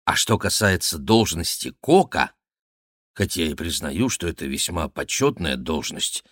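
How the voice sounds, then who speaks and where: Man narrating a book, fairly low voice, dry close sound, measured and expressive. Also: no room sound. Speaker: audiobook reader. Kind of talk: scripted literary narration.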